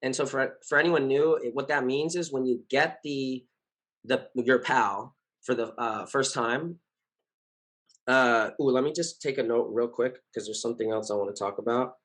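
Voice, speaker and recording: Hoarse man giving a rambling update. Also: medium pitch, steady tone, normal speed, a bit bright. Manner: rambling, full of fillers and self-corrections; earnest and reassuring. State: hoarse, losing his voice. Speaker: project founder addressing his community. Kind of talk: casual spoken update to followers.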